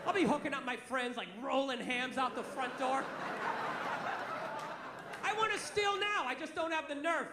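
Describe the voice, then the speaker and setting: Male stand-up comic, middle-aged, very high loud sharp voice, exasperated ranting, echoey live room with crowd noise. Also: brisk, few pauses. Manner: profane, blunt. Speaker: stand-up comedian. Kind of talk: stand-up comedy rant to an audience.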